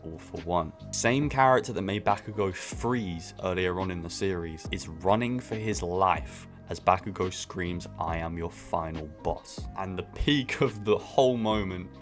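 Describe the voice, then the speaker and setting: A man's voice: deep voice, normal speed, hardly any pauses. A man in his twenties narrating a scripted video essay, impassioned and emphatic, swearing for emphasis. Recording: faint music bed under voice.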